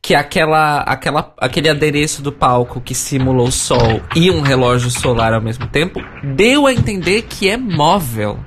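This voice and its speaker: A man's voice: a little high, lively intonation, moderate pace, few pauses, fairly bright tone, breathy edge. A man hosting a casual podcast chat, talking in an opinionated way and laughing often. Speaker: podcast host.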